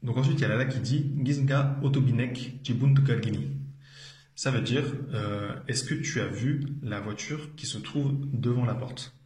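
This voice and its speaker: A male language teacher explains slowly and patiently in a mid-pitched voice. He repeats each phrase and hesitates often. The room around him adds a noticeable echo. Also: darkish tone, soft background music. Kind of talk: explanatory video lesson.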